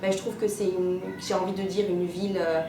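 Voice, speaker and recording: A woman, a maths teacher chatting in an interview and pausing often on "euh". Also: little pitch movement. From Martinique. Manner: chatty storyteller, many "euh" pauses. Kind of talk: casual interview answers. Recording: roomy, distant mic, rumbling noise.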